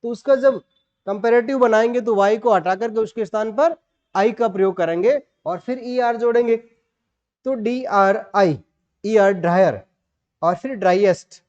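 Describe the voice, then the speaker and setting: A man's voice: sits high, normal speed, darkish tone. A man with a Rajasthani Indian accent teaching an online grammar lesson, explaining rules step by step and spelling words out letter by letter. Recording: dull lo-fi audio.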